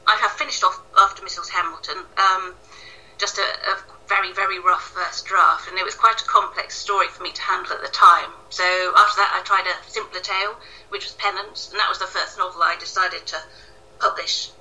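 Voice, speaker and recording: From the echoey kitchen of her home, a woman from Wales answers interview questions as an author in a casual, self-deprecating way. Her voice sits on the low side, steady, fairly quick, pushed and bright, coming through distant, tinny call sound.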